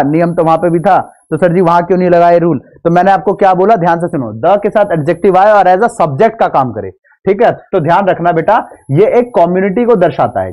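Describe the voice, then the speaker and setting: A man with a high, slightly mellow voice teaches English grammar in an online exam-prep class, mixing English into his speech. He teases and playfully scolds his students, repeats the rules, and asks them to answer yes.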